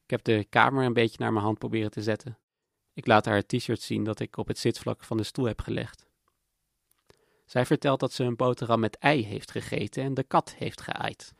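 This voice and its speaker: A man giving calm, matter-of-fact, intimate first-person narration in a scripted documentary. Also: mid-range voice, moderate pace, gravelly, no echo. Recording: dry close voice-over with faint music.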